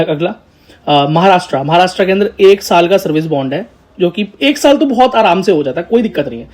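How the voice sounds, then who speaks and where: A man talks students through the details in a loose, chatty way. His voice sits a little high for a man. He keeps the tone informal, addressing his listeners as brother or child. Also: darkish tone. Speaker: educator, channel host. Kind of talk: casual explanatory talk to students.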